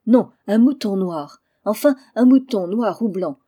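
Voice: mid-range voice, expressive, unhurried, mellow, breathy edge. A reader of an audiobook voicing a scatterbrained man who rambles and keeps correcting himself. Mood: triumphant rambling. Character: scatterbrained chatty man recalling his aunt.

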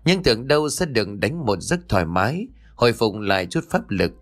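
A man narrating an audiobook ghost story in a steady storytelling delivery, recorded as a voice-over. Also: medium pitch, a little fast. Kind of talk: scripted narration. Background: faint background music.

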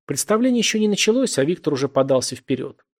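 A man narrating a novel as an audiobook in an expressive, vivid reading. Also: a little high, fast.

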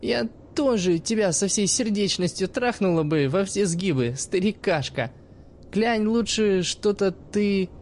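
A man voicing a cheeky, quick-tempered young woman who mocks and swears freely in a raised, high-pitched voice. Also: animated, darkish tone, slight background noise. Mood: defiant. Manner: cocky, mocking, swears freely.

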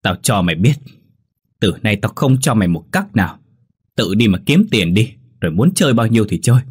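Một người đàn ông giọng khàn, giọng miền Nam, lồng tiếng một bà mẹ già khổ cực đang giận dữ quát mắng. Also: male voice, big pitch swings, brisk, breathy edge, no echo, studio quality. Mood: scolding. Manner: scolding, shrill outbursts. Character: angry worn-out old mother, shrill and wailing.

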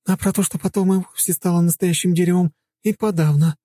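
A dazed, worn-out woman who has just grown younger, as a male audiobook narrator puts her on, speaking in a high, strained voice. The tone stays very dark and mellow in spite of the height. The recording is close and dry. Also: steady tone, a little fast, no room sound. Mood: weary wonder. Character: weary woman, suddenly made younger, dazed.

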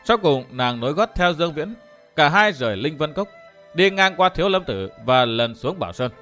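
A man narrating a story with an expressive, dramatic reading. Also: fairly high pitch, normal speed, faint music behind. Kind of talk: scripted narration.

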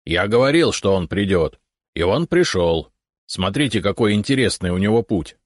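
A man's voice: fairly low pitch, expressive, moderate pace, no echo, clean studio sound. A man voicing the curious, enthusiastic left head of an ancient three-headed dragon guardian, argumentative and triumphant. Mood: eager.

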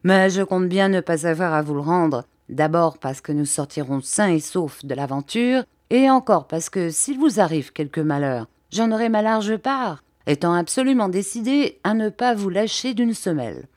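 A woman's voice: fairly low pitch, lively intonation, normal speed, hardly any pauses, a little mellow, no echo, studio quality, close to an everyday voice. A woman voicing a bold, stubborn man who talks in blunt, slangy speech. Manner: blunt, colloquial, emphatic.

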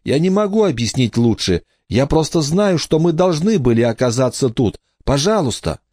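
A man voicing a stubborn, pleading young girl, the youngest of three siblings, in a high, insistent voice. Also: big pitch swings, normal speed, darkish tone, dry recording, studio quality.

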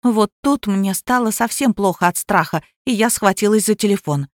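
A woman tells a story aloud at an ordinary mid pitch. The recording is dry and close, with no room sound. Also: moderate pace, no echo. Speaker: audiobook narrator. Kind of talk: audiobook narration.

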